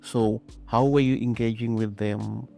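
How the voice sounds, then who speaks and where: A man hosting a podcast interview, hesitant, filling pauses with "um" and repeating "I see". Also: fairly low pitch, steady tone, vocal fry, warm tone. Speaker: podcast host. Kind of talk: casual interview.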